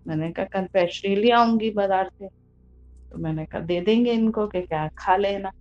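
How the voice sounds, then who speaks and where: A mother tells a true story from her own life, rambling casually and leaning on lots of fillers. Her medium-pitched voice is slightly mellow, and the muffled recording carries soft music in the background.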